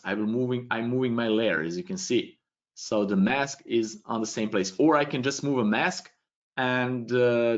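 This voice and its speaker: Serbian man in his thirties, a fairly low voice, answering a live webcam Q&A from a small home room in loose, thinking-aloud phrasing; dull, lo-fi stream sound. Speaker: webinar presenter answering questions. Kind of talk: live tutorial Q&A. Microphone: webcam video call.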